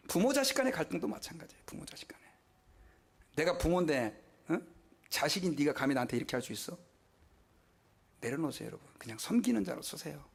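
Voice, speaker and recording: Brief: middle-aged man, pastor in a church, chatty preaching style, slightly raised pitch. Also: vocal fry, husky. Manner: conversational preaching with rhetorical questions and mock quotes. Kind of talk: sermon.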